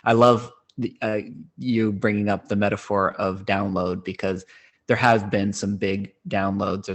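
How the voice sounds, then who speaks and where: A podcast host in his thirties tells a personal story in an easy, conversational way. His voice sits on the low side. He takes his time, then livens up whenever he acts out what other people said. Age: 30s. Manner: unhurried, animated when quoting others. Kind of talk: casual storytelling.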